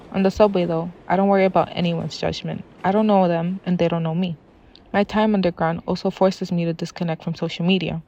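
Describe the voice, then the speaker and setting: Low-voiced teen girl narrating calmly. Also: a little hiss or hum. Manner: calm, reflective. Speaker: student reporter. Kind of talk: scripted personal essay narration. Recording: dull lo-fi audio with faint music.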